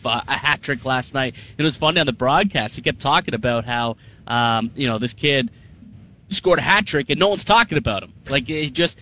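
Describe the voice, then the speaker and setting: A man's voice: medium pitch, bright, forceful tone. A man hosting a sports talk show in a studio, speaking conversationally with emphatic enthusiasm. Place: radio studio.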